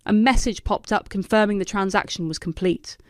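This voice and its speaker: A woman narrating a first-person drama story in a steady, even voice. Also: mid-range voice, a little fast, no echo, studio quality.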